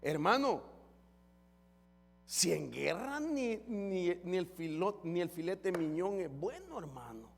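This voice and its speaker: A man's voice: high-pitched, sing-song, slow pace, creaky, soft background music. A man preaching a fervent sermon as pastor, often calling his listeners brother. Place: church hall. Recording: long church hall reverb.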